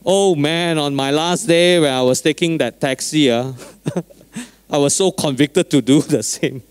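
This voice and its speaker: A man preaching an informal sermon as a pastor, in a Singaporean or Malaysian accent with colloquial Singlish phrasing and particles, telling stories in an animated way. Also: on the high side, a little slow, dry recording. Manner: animated storyteller, acting out dialogue.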